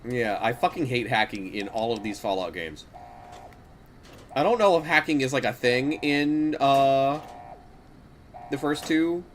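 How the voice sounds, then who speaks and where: A man casually chatting and swearing while playing a game with a friend, laid-back and quick to laugh. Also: medium pitch, expressive, a little hiss or hum. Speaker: gaming co-host. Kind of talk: casual gameplay chat.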